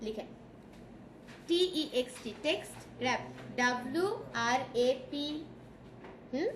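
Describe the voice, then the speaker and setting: A woman with a Bangladeshi Bengali accent teaching a design software class, checking in often with her students. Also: high-pitched, expressive, takes it slowly. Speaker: design tutor. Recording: echoey room with background noise.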